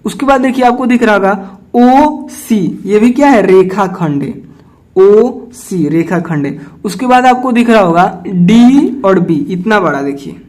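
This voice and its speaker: High-voiced Indian man teaching maths. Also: animated, a little slow, a little mellow. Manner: patient, repeats "ठीक है" and asks himself questions. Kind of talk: solving textbook exercises step by step.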